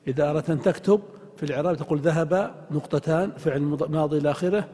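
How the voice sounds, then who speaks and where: A man teaching a grammar lesson in a deliberate way, spelling out examples and asking the class questions. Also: a little high, warm tone, breathy edge, big-room sound. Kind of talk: lecture on Arabic grammar.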